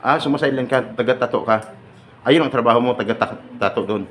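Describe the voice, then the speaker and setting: A man leading a seminar for departing overseas workers, joking and firing quick questions at his audience. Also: mid-range voice, a bit bright. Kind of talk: lively seminar talk to an audience. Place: large hall with an audience. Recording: echoey hall, mic far off, noisy.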